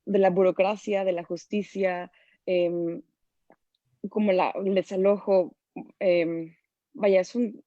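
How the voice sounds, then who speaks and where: A woman's voice: medium pitch, fairly even intonation, slow pace, long pauses, mellow, no room sound. A Mexican woman speaking as a guest in an online panel discussion, hesitant with many fillers. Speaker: guest, journalist. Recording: dull, dry sound.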